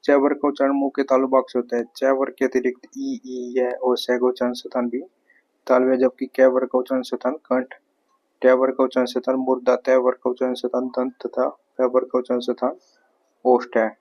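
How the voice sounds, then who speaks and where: Male teacher, Haryanvi-tinged, monotone, runs through exam questions methodically, repeats each answer. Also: medium pitch, a little fast, muffled recording. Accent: Haryanvi-tinged Hindi. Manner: explains step by step, repeats answers, asks rhetorical questions. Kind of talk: exam prep grammar lesson.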